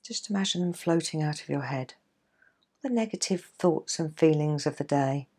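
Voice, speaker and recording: Gentle woman guiding a relaxation exercise. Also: low voice, lively intonation, slightly rough. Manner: gentle, soothing, measured with pauses. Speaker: coach and podcast host. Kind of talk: guided relaxation instruction.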